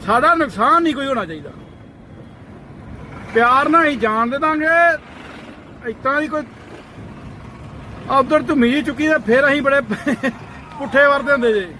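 A very high-pitched man rants loudly outside, warning strangers off his sugarcane. He barks repeated orders to clear off, half comic and half threatening. Traffic and road noise sit clearly under his voice. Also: expressive, normal speed, long pauses. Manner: loud, scolding and threatening, with repeated shouted commands. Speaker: farmer guarding his sugarcane field. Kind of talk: comic outdoor rant to camera. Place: outdoors by a road near fields. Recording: noisy outdoor roadside recording.

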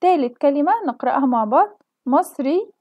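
A young woman with an Egyptian accent, a kindergarten teacher giving a children's alphabet lesson and stretching out each sound slowly for the kids. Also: high voice, no room sound, highs cut off. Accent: Egyptian Arabic. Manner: slow drawn-out model pronunciation for children.

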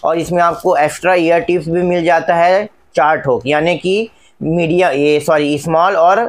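A man's voice: on the high side, steady tone, moderate pace. A man narrating a casual product unboxing for viewers, chatty and repetitive, often pointing things out. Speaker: tech reviewer.

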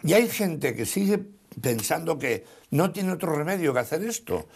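A man with a Spanish accent arguing politics on a TV panel, animated, with many restarts. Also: a little high, moderate pace, vocal fry, husky. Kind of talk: heated political debate.

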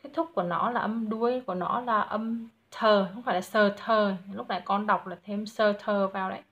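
A woman with a Vietnamese accent giving patient recorded pronunciation feedback to a child, sounding out English words slowly and loudly. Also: mid-range voice, fairly even intonation, muffled recording. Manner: patient, models each word slowly and loudly.

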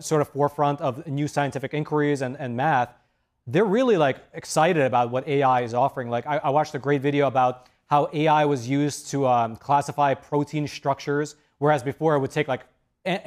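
A young man on a TV studio panel who talks in a rambling way, with many restarts, on a lapel mic. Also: mid-range voice.

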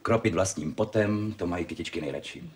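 An actor playing a deep-voiced genial technical manager. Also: male voice, darkish tone, natural voice. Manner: genial, chatty. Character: genial male technical manager, chatty, fond of flowers. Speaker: technical deputy.

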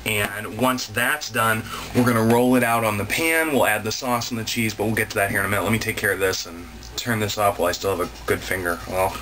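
With a lowish, pushed and bright voice, fairly even in intonation and fairly quick, this thirties-aged man jokes at his own expense while cooking in a small home kitchen. The close handheld camera mic picks up his chatty, playful asides along with a little hiss or hum.

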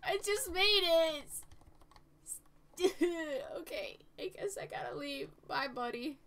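High-voiced woman streamer, self-mocking. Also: animated, slow, fairly bright tone. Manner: self-deprecating, pleading, laughs at herself. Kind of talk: casual gameplay commentary.

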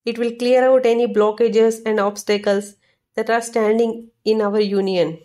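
A woman's voice: mid-range voice, warm tone. A woman reads a scripted romantic message of sweet nothings to a sweetheart in a tender, affectionate manner.

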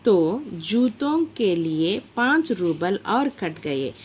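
A woman teacher reading a story aloud from a textbook, slowly and carefully. Her pitch sits at a middling level. A faint noise hums underneath. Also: sing-song, a little mellow.

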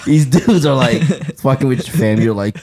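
A man's voice: medium pitch, lively intonation, normal speed, warm tone. A man co-hosting a podcast, teasing and laughing through playful banter. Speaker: podcast co-host. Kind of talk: casual banter.

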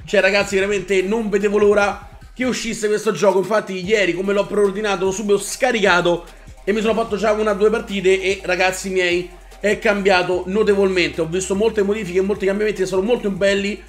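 High-voiced man excitedly playing a wrestling game. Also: fairly quick. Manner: energetic, swears and shouts at the game. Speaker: gaming YouTuber. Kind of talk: excited gameplay commentary.

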